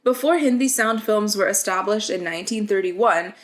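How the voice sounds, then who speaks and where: A woman's voice: mid-range voice, normal speed. Young woman in a casual video essay. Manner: conversational, with frequent "like" and "kind of".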